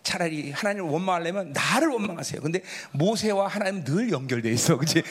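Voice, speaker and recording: A male pastor delivers a sermon, swinging between high exclamations and low murmurs and calling out members of the congregation by name.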